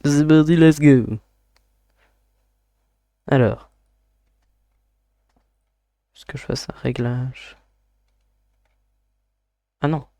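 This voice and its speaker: A streamer talking slowly and loosely over a game, half to viewers and half to themself, with mid-range pitch. The voice sounds close and dry on a desk mic, with no room around it. Now and then the talk drops into casual swearing. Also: mellow, no room sound. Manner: chatty, muttering to self, casual swearing. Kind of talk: casual live-stream commentary.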